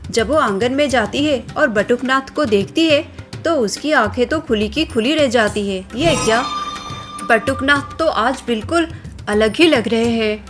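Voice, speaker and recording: A woman storyteller narrating a scripted story in a measured way. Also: fairly high pitch. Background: faint music.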